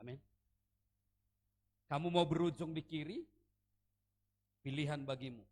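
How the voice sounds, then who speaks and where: A man preaching a sermon at a church service, animated and joking, leading the congregation in repeating phrases. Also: a little high, a little slow.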